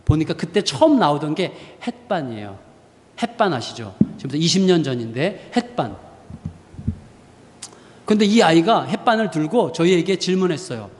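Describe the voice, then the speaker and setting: Male pastor, forties, lively storyteller preaching a sermon, voice ringing through a reverberant sanctuary. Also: on the high side, normal speed. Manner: storytelling with lively acted-out quotes; self-described short-tempered, humorous asides. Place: church sanctuary.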